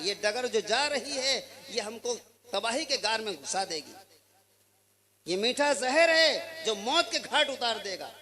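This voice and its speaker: Male preacher in a mosque sermon, high-pitched and sharp, urgent, questioning his congregation. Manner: exhorting, rhetorical questions, recites Arabic verses. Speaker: Islamic preacher.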